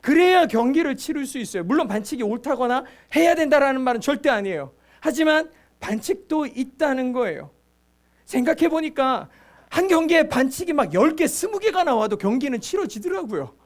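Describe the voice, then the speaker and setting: A middle-aged male pastor with a strikingly high voice delivers his sermon. He talks to the congregation in a casual, chatty way. He often repeats his points for emphasis. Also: a little fast. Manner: lively storytelling, acting out quotes; conversational, emphatic repetition.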